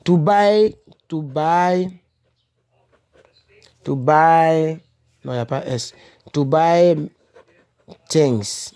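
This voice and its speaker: A man with a fairly high voice teaches English words slowly in a casual home-made lesson filmed on a phone. He repeats each term, corrects himself mid-sentence and keeps checking in with his viewers. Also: a little mellow, smooth. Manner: repeats words slowly, asks "n'est-ce pas?" and "ok?" often, self-corrects. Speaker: English teacher for French speakers.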